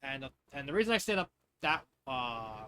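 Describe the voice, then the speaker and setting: An American man in his thirties or forties reads fan fiction casually and haltingly, drifting into rambling tangents and repeating phrases. His medium-pitched voice swings widely in pitch and sounds pushed and bright, with a little hiss or hum.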